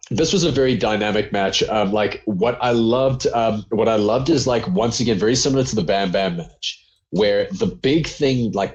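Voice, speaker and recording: A man's voice: on the low side, a little mellow. A man co-hosting a casual wrestling review podcast, rambling with lots of fillers and laughs. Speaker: podcast co-host.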